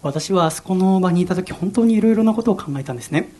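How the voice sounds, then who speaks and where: A man's voice: sits high, fast, mellow. Earnest young man hosting a solo radio show. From Yokohama, Japan. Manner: earnest, reflective storytelling. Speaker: radio host.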